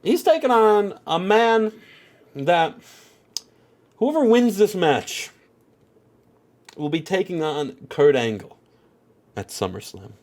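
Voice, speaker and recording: A man with a stuffed-up nose rambles casually through commentary on a wrestling game, packing it with fillers like "you know" and "at the end of the day." His voice is high and darkish, swinging widely in pitch, and he talks slowly with long pauses.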